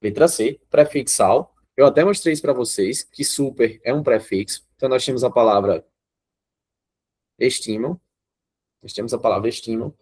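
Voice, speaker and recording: A man's voice: mid-range voice, normal speed, a little mellow, husky. A man with a Brazilian accent teaching an online grammar class. He explains step by step and keeps checking in with his students. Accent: Brazilian Portuguese.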